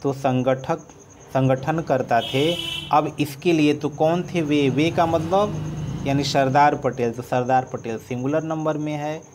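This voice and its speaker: A man teaching an English lesson, spelling words out letter by letter as he writes and trailing off softly. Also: on the high side, steady tone, measured pace, background noise. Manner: dictates letter by letter, trails off softly while writing. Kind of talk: slow board-writing lesson, spelling out words.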